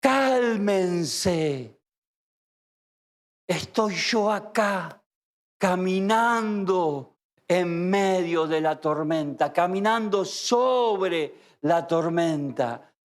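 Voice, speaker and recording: A man voicing Jesus as a calm, commanding figure who speaks slowly, softly and firmly. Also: high voice, voice pushed down, full character voice. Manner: soft but firm, slow.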